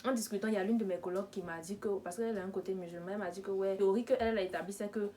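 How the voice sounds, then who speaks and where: A young woman in her twenties telling a personal story in a chatty, animated way, acting out the lines of the people in it. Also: mid-range voice, rapid-fire, a little hiss or hum. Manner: chatty, animated retelling with quoted dialogue. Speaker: vlogger. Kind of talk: casual storytime.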